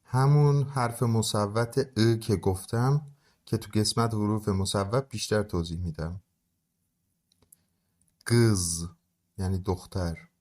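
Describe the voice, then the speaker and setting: Low-voiced man teaching letter sounds. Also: a little mellow. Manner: slow, drawn-out pronunciation of single sounds and words. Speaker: language teacher. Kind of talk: spoken language lesson.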